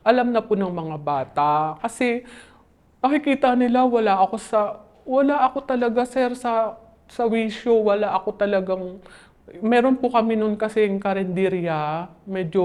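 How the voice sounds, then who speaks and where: A woman in her forties telling her story in an interview, halting and polite, often addressing the interviewer as sir. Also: medium pitch, a little mellow. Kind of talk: emotional interview testimony.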